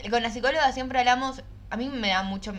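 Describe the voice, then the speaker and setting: A woman's voice: a little high, a little fast. A young woman with a Rioplatense Spanish accent, co-hosting a casual podcast chat and telling stories animatedly. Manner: animated storytelling, acts out quotes. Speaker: podcast co-host.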